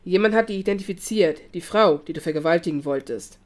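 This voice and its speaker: A woman's voice: fairly low pitch, fast, close to an everyday voice. A woman reading the lines of a brutal, coolly menacing male police detective in a taunting manner.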